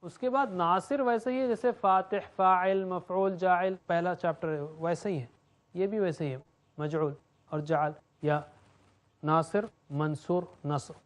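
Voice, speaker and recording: A man's voice: sits high, fairly even intonation. A man teaching Quranic Arabic grammar, drilling verb forms in a rhythmic chant and explaining in between.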